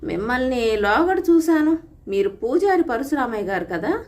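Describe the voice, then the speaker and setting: A woman voicing a gruff, domineering young husband who talks harshly and loudly. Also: a little high, sing-song, moderate pace. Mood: curt. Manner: harsh, loud and scolding.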